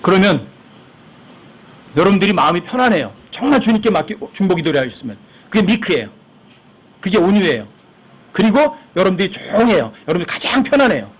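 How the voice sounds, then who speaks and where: Male pastor, high and husky, lively sermon delivery that acts out quoted voices. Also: quick pace, long pauses. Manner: acts out quoted voices, emphatic and conversational with the congregation.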